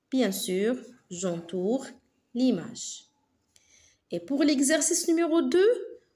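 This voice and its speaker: Woman teacher, fairly high voice, very slow and deliberate, phonics for young kids. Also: darkish tone. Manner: slow, carefully articulated, repeats words twice. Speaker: primary school teacher.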